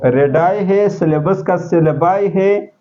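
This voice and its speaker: A man's voice: sits high, slow pace. Male teacher quizzing his class. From Pakistan. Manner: explains step by step, asking the class questions. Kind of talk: classroom lecture. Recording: dull lo-fi classroom recording.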